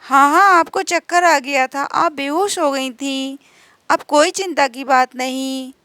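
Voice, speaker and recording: A woman's voice: high-pitched, a little slow, bright, forceful tone, no echo. A woman voicing a nurse in a doll story who talks in a soothing, reassuring way. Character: calm, reassuring village nurse.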